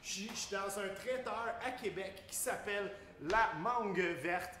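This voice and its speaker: A man's voice: high voice, a little slow, pushed and bright. A man with a Quebec French accent hosting a live cooking stream in casual, slangy talk peppered with English exclamations. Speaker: host of a live online cooking show. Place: large catering kitchen. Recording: echoey room with faint noise.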